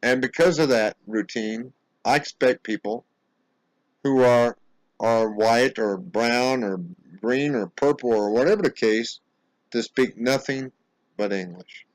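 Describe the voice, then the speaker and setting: American man, self-recorded vlog rant, mid-pitched, halting delivery with repeated words, dry sound. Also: no room sound, poor audio. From United States. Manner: indignant, insistent. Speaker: vlogger. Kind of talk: angry monologue to camera.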